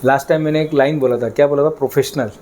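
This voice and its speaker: A man's voice: a little high, fairly even intonation, racing, mellow, slight background noise. A man leading a live sales training session, coaxing the audience with energy and getting them to chant lines.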